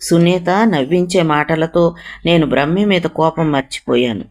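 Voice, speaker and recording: A woman's voice: low voice, normal speed, a little mellow. A woman narrating a first-person story as a storyteller, briefly acting out the quoted lines of its characters.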